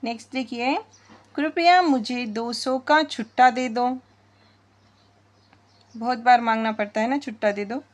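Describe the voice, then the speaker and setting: Slow, patient woman teaching English. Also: a little high. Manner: slow, repeats sentences word by word, quizzes the viewer. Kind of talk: spoken English lesson.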